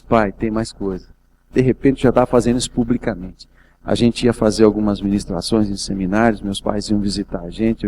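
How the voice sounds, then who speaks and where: A man's voice: mid-range voice, a little mellow, a little hiss or hum. A man from Brazil preaching a sermon as a pastor, telling a personal story and rising to emotional intensity. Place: event hall.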